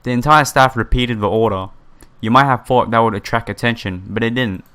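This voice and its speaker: A let's player reads aloud from a visual novel, tripping over words at times and adding slangy, casual remarks, with music playing underneath. The voice is medium in pitch, brisk, a bit bright, and clean.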